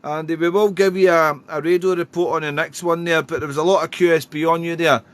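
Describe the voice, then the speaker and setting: Fairly high in pitch, a bit bright, and a little fast with a steady tone, this male ham operator calls out phonetic call signs and chats in a friendly manner. The contact calls and casual talk are heard over clear radio noise.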